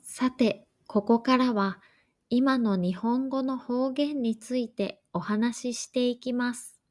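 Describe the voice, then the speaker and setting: Woman narrator, slightly high voice, very slow pace, careful even delivery, learner lesson. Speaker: language teacher.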